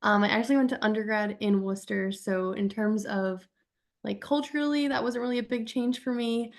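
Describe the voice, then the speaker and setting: A woman's voice: a little high, a little fast. A woman in her twenties from Connecticut, an optometry student speaking casually with frequent hesitations. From Connecticut, USA.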